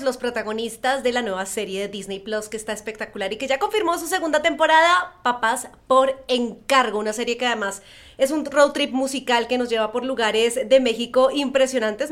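Expressive woman podcast co-host, somewhat high voice. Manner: expressive storyteller, many filler phrases. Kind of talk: casual podcast chat.

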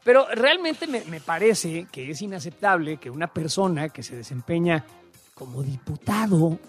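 Joking high-voiced Mexican man. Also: big pitch swings, normal speed, faint music behind. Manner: crude, joking, mocking. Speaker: co-host. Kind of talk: casual comedic commentary.

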